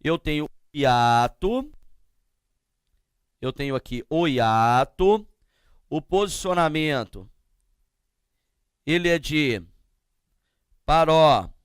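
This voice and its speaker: A man teaching a grammar lesson, explaining slowly and often asking the class to check they follow. He speaks with a Brazilian Portuguese accent. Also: on the high side, lively intonation, smooth, no echo, clean studio sound. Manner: slow, drawn-out explanations with frequent checking questions.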